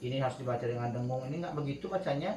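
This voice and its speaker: A man with a mid-range, dark-toned voice speaks at a racing pace, with a little hiss or hum on the recording. He gives his students a casual, chatty tajwid lesson on Quran recitation rules, laughing through anecdotes and often breaking into melodic chanting to demonstrate. He's heard from a distance in a roomy space, with crickets faintly audible.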